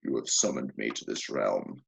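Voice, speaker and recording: A menacing demon lord, as a man puts him on, deep and slow. The voice is pushed well below the speaker's usual pitch. It sounds dark and grave. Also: creaky, slight background noise, exaggerated voice.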